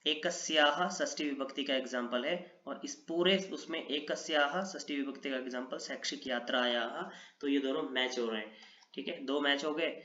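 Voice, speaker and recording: A man's voice: mid-range voice, sharp tone. A man teaching an online lesson, explaining with energy and mixing English words into his explanations. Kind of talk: online Sanskrit lesson in Hindi. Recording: echoey room, dull lo-fi sound.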